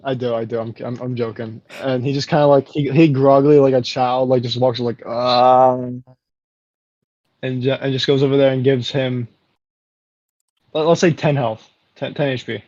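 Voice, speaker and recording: A man playing a tabletop game, improvising his character's moves casually with halting, repeated starts, on a slightly muffled recording. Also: medium pitch, fairly even intonation, darkish tone, dry recording. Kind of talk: casual improvised role-play chat.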